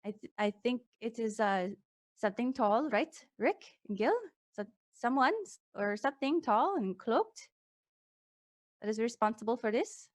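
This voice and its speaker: A woman's voice: fairly high pitch, animated, a little slow, dry recording. A woman playing a tabletop fantasy game, improvising in character in a polite, hesitant manner.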